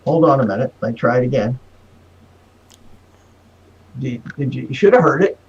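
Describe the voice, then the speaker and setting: A man hosting a casual livestream chat, his voice hollow and boomy as if he were inside a barrel because a webcam mic picks him up from across the room. He rambles and fumbles with his gear. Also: expressive, normal speed, dull audio, crowd noise. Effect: hollow, boomy sound as if inside a barrel. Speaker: livestream show host. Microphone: webcam microphone picking him up from across the room.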